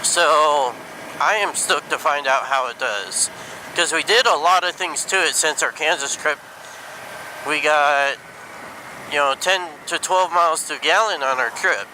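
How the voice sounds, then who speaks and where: A man talking casually and haltingly inside a helmet while riding a motorcycle, thinking aloud like a vlogger. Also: fairly high pitch, pushed and bright, rough recording. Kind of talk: casual rambling motovlog talk. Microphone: mic inside helmet. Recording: helmet mic, clear road and engine noise.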